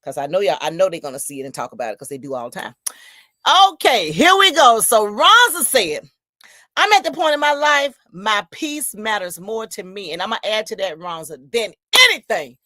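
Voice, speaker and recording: A woman's voice: medium pitch, big pitch swings, normal speed, sharp tone, dry recording, clean studio sound. A woman, hosting a solo podcast and reading out viewer comments in an emphatic, preachy, storytelling way. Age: 50s. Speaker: podcast host.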